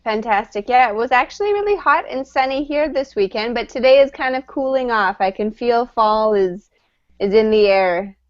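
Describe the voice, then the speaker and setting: A woman's voice: a little high, lively intonation, normal speed. Welcoming woman teacher on a call. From Canada. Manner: friendly, welcoming, laughs often. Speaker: English teacher. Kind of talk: online class greetings. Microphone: computer mic on video call. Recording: slightly dull video call audio.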